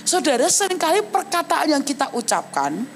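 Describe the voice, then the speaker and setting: A young adult woman evangelist giving a sermon at a church service. She tells her own story in a vivid, animated way and keeps turning to address the congregation. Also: sits high, normal speed, a little hiss or hum. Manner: animated storytelling, often addressing listeners as brothers and sisters. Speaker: evangelist preacher. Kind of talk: testimony sermon.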